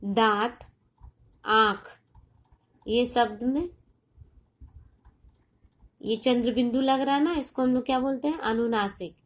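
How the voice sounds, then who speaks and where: In a recorded online lesson, a woman from India teaches a primary school class in a fairly high voice. Her explanations are slow and deliberate, and she keeps checking that the children understand.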